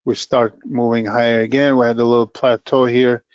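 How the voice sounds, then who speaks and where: A middle-aged man presenting a trading webinar as an account manager, talking plainly with many pauses and fillers and a dry sense of humor. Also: mid-range voice, little pitch movement, clear, resonant tone, dry recording. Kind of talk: educational market webinar. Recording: dull lo-fi dry webinar audio.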